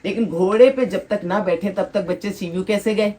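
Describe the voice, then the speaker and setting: In a mellow, mid-range voice at a moderate pace, a woman talks casually with children ahead of a gathering at a shelter she is hosting. She coaxes and teases the kids and gets them applauding.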